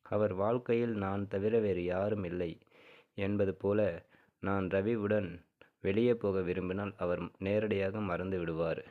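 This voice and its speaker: A man narrating a first-person short story in a steady, even reading style. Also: low-pitched, unhurried. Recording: tinny phone-like sound.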